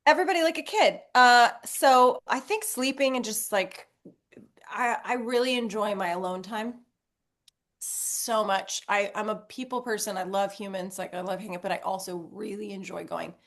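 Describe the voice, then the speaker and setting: A young adult woman, an actress guest on a podcast, chatting in a bubbly, animated, self-deprecating way. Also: medium pitch, normal speed. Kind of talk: casual podcast chat.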